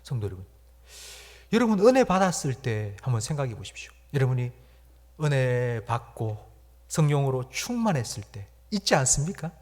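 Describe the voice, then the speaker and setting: A man pastor preaching a sermon, swinging from soft, low lines to loud swells and acting out inner voices in quoted speech. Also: very animated, moderate pace. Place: church.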